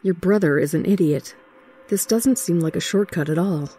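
A woman's voice: lowish voice, moderate pace, dark tone, husky. A woman voicing an irritable teenage boy who complains and snaps, in a horror story reading. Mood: irritated. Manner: complaining, snappish.

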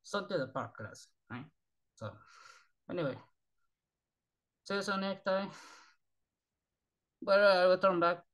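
This channel host is tired yet animated, with a high-pitched, fairly bright voice. A native Spanish speaker, he rambles to viewers in halting, repetitive broken English full of sighs, recorded on a desk webcam in a small bedroom.

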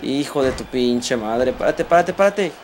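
A man with a Mexican accent giving excitable let's play commentary, swearing a lot and talking to viewers as he plays. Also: medium pitch, unhurried, noisy background. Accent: Mexican Spanish. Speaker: gaming channel host.

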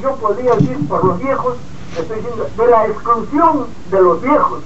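High-voiced 85-year-old male radio caller over a phone. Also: over a noisy crowd. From Peru. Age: 80s. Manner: indignant, halting, repeats words. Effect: caller heard over a phone line. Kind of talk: call-in opinion on a talk radio show. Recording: muffled distant phone line with hiss.

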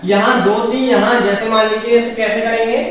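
A man's voice: very high-pitched, level tone, moderate pace, fairly bright tone. A man teaching an exam-prep math lesson, explaining each step and asking and answering his own questions. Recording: echoey room, mic far off.

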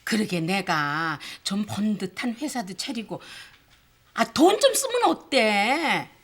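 A woman's voice: mid-range voice, big pitch swings, slow pace, fairly bright tone, slightly rough, exaggerated voice. A woman playing a nagging, status-hungry middle-aged wife and mother in a Korean TV family drama, with exasperated, emphatic complaints.

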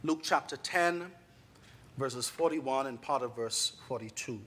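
Preaching as a guest in a church sanctuary, a man in his thirties with a Bahamian accent speaks into the pulpit mic with a genial manner that rises to emphasis. His voice is medium-pitched, fairly bright and husky, at a measured pace.

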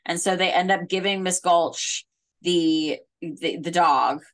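A woman's voice: lowish voice, takes it slowly. A woman hosting a podcast in casual discussion, chatty and full of fillers. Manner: chatty, uses many fillers. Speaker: podcast host.

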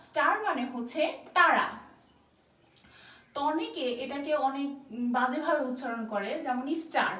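A woman's voice: high-pitched, pushed and bright. A woman teaching an English vocabulary lesson, spelling each word letter by letter and then giving its meaning. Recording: echoey room, voice a bit far from the mic, faint background noise.

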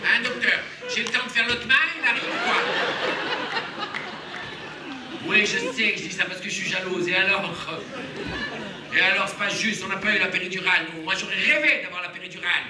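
A man's voice: high voice, quick pace, distant mic, over a noisy crowd, heavy background noise, natural voice. A man on stage voicing a jealous, gossipy old grandmother who nags and piles on asides. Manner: chatty, nagging, full of asides. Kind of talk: stand-up character comedy. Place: theater stage, filmed from the hall. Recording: roomy live-stage sound from afar.

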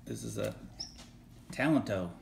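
A man's voice: lowish voice, unhurried, gravelly, a little hiss or hum. A man with an East Tennessee accent, tasting snacks in casual chat, joking and hunting for words. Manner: joking, rambling, hunts for words. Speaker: co-host taste tester.

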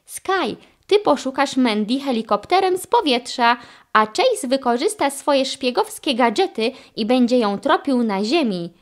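A woman puts on a confident young boy who leads the team in a children's storybook, his voice raised well above hers. He gives orders in a commanding, encouraging way, with a lively lilt. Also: high voice, unhurried, pitched above the performer's own voice. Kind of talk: children's audiobook character voice.

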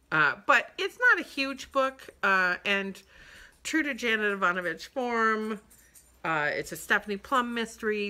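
A book vlogger in her fifties chats casually about books she's read, rambling with plenty of ums and uhs. Her voice is on the low side, pushed and bright, picked up by a webcam at desk distance in her living room.

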